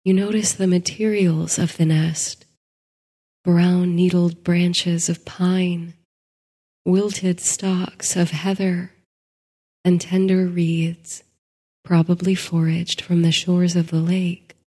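A woman narrating a sleep story in a soft, hushed voice that slips into whispers. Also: fairly low pitch, little pitch movement, takes it slowly, husky, long reverb tail.

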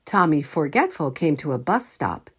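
Reading a children's storybook to young listeners, a woman uses a husky, low-pitched voice at a moderate pace. She tells the story expressively, posing questions to her audience.

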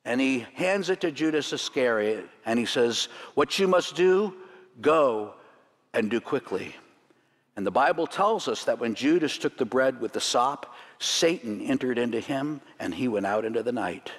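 Teaching preacher in a reverberant church. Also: male voice, medium pitch, expressive, moderate pace, hardly any pauses. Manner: teaching with light jokes and chuckles. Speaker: rabbi leading a Seder demonstration. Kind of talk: sermon demonstration. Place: church sanctuary. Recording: long church hall reverb.

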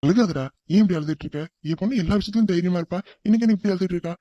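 A man voicing a gentle middle-aged father consoling his daughter in a cartoon family drama. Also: high voice, rapid-fire, dry recording, natural voice. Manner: soothing, reassuring. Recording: dull, lo-fi dry sound.

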